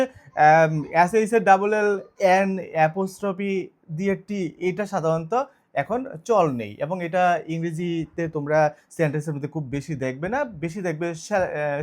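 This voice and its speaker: A man with a Tripura Bengali accent teaching a grammar lesson, spelling out words letter by letter and asking questions that he answers himself. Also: high voice. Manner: spells out words letter by letter, repeats key terms; asks the students questions and answers them himself.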